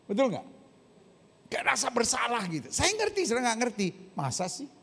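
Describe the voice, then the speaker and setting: A man preaching a sermon, animated, questioning the congregation and acting out voices. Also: very high voice, moderate pace, vocal fry, slightly rough, big-room sound. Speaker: pastor.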